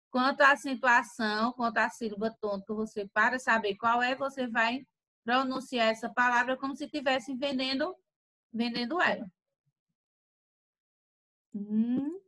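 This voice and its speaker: A Brazilian woman teaching a grammar lesson, speaking slowly and stretching out example words, checking in with "tá?". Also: on the high side, pushed and bright. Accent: Brazilian Portuguese. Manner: slow and deliberate, stretching out example words and using "tá?" tag questions. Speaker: Portuguese teacher.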